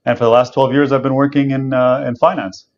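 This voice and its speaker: A man's voice: medium pitch, level tone, a little fast. Thoughtful Canadian man on slightly muffled audio. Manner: thoughtful and conversational. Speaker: election candidate being interviewed. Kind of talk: interview answers.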